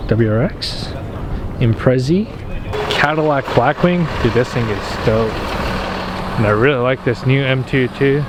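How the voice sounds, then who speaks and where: A man's voice: mid-range voice, measured pace. A man giving enthusiastic, slangy, casual walk-around commentary as a car vlogger at an outdoor meet. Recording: noisy outdoor car meet, vehicle sounds. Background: cars, car alarm beeping at times.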